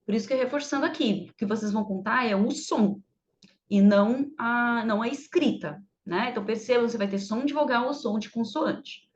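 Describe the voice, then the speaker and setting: A woman English teacher with a fairly high voice explains grammar in a chatty way, stretching out each English example slowly. The recording sounds a little dull and lo-fi. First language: Portuguese.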